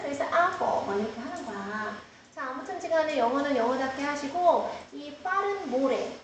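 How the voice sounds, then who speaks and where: A woman's voice: sits high, a little hiss or hum. A woman teaching an English lesson in a classroom, explaining step by step and asking the class questions. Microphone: screen-recorded, far from the mic. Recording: roomy classroom, distant mic.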